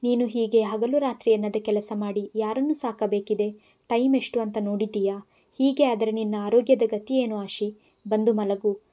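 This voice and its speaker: A woman's voice: medium pitch, fairly even intonation, normal speed, dark tone, lightly acted. A woman voicing a caring young husband in an audio story, scolding with tenderness.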